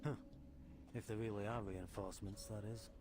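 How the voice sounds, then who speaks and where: An actor playing a cynical, wolfish veteran soldier in a video game, with a hoarse voice and wry, sceptical delivery. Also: male voice, fairly even intonation, normal speed, natural voice. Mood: doubtful. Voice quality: low, hoarse. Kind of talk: dramatic video game voice acting. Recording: game dialogue over music.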